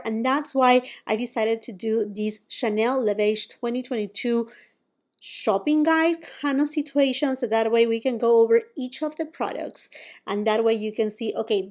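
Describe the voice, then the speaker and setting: A woman's voice: on the high side, a little mellow. A woman from Peru, chatting casually to camera as a beauty vlogger, often laughing and quoting herself.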